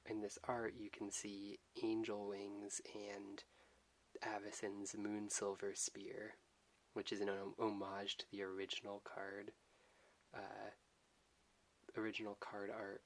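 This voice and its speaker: A soft-spoken man giving an unhurried ASMR unboxing commentary. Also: on the low side, monotone. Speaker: host of an unboxing video. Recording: hissy background noise.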